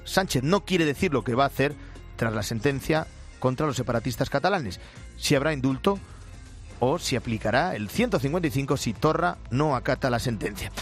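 A man's voice: a little high, a bit bright. A man presenting radio news with an emphatic, punchy delivery and pointed asides. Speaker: news anchor.

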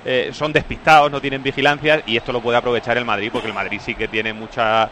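A man's voice: mid-range voice, steady tone, quick pace, fairly bright tone, slight background noise. A man from Spain analysing play on a radio panel, explaining with small restarts. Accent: Spanish from Spain. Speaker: football analyst.

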